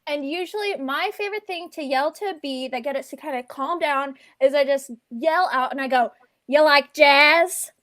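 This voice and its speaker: A woman's voice: high-pitched, fairly quick, few pauses. A woman improvising a mock-serious comic bit over a video call. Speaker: improv player.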